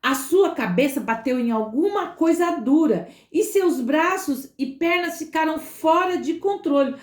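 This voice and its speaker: A woman telling a dramatic story to children, animated, with sound effects and fillers. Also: high-pitched. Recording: roomy echo.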